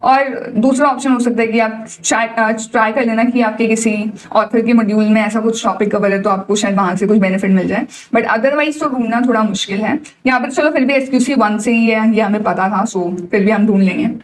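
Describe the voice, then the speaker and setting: A woman's voice: a little high, fairly even intonation, brisk, hardly any pauses, recorded from a distance, rough recording. A young woman with an Indian English accent, a coach giving an exam-prep lesson and mixing Hindi and English directly and encouragingly.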